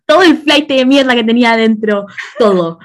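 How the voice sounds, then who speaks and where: A podcast co-host with a Chilean accent chats casually, telling stories full of slang and laughter. Her fairly high voice moves at a fairly quick clip.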